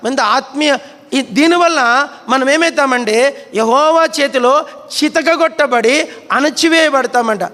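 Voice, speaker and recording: A man's voice: very high-pitched, pushed and bright. A male pastor preaching to his congregation. He poses questions, answers them himself, and calls on people by name. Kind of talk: sermon. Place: large church hall. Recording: reverberant church hall.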